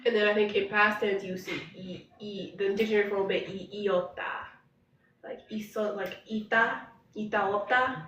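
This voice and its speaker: Her voice is medium-pitched, steady and fairly bright, delivered at a normal speed. As co-host of an informal live study session on Korean, she reads through her notes aloud and laughs when she stumbles; the audio is roomy, distant, dull and slightly noisy.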